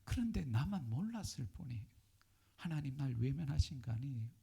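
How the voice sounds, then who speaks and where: A male pastor delivering an impassioned sermon, often dropping to a hushed whisper for emphasis. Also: medium pitch, big pitch swings, a little fast, creaky, husky.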